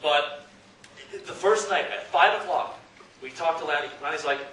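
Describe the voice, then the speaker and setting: A man with a fairly high voice, speaking at normal speed, sits on a convention panel telling animated, joking, rambling stories; he's an abridged-series voice actor. The echoey hall, distant mic and noisy crowd leave audience noise throughout.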